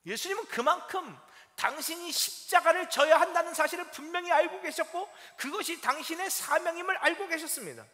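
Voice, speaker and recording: A male pastor preaching a Sunday sermon in a church, animated and asking his congregation rhetorical questions. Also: very high-pitched, fairly quick. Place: church sanctuary. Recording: long church-hall reverb.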